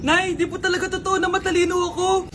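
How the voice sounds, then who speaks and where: A woman's voice: very high voice, little pitch movement, fast talker. A woman acting the child in a comedy skit, answering politely and warily. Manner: polite, wary replies. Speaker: skit performer playing the child. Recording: music playing over the voice.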